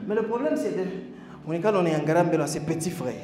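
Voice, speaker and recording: Animated preacher man in echoey hall. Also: on the high side, brisk, faint music behind. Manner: animated, switches languages, builds to shouting. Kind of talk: conference sermon. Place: church hall.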